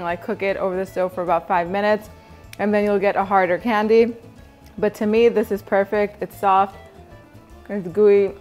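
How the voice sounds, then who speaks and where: A woman hosting a cooking video, chatting upbeat as she walks viewers through each step in a home kitchen. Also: medium pitch. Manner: chatty, upbeat, instructional, addresses viewers directly. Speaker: cooking channel host. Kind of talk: casual cooking demonstration.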